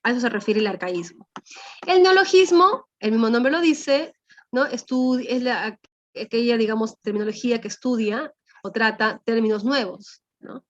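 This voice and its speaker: A woman's voice: on the high side, moderate pace. Woman teacher, tag-question explaining. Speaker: language teacher. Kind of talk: class lecture. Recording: dull lo-fi sound.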